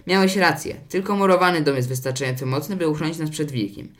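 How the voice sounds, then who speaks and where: A man's voice: a little high, fast talker, fairly bright tone, lightly acted. A man doing an easygoing middle pig. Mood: agreeable. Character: carefree middle little pig brother. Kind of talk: storybook reading.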